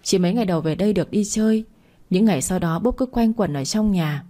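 A woman narrating a family story in a steady, even reading voice. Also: mid-range voice, fast talker.

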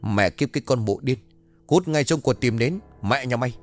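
A man's voice: mid-range voice, animated, normal speed, soft background music, lightly acted. A man voicing a brutal, foul-mouthed older man who snarls and barks curses in a told horror story. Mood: cursing.

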